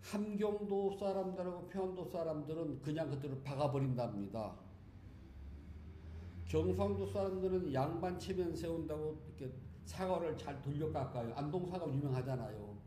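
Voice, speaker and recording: A man's voice: fairly high pitch, normal speed, pauses often, dark tone. A male Buddhist monk giving a chatty, humorous sermon in a temple hall, often speaking to his listeners directly. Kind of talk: conversational sermon. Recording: echoey hall with faint background noise.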